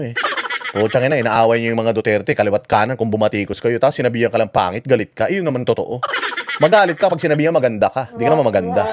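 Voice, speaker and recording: A man's voice: medium pitch, very noisy. A Filipino man doing a political vlog, ranting in a mocking, crude way and laughing at his own jokes. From Philippines. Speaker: political vlogger. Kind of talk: casual ranting commentary.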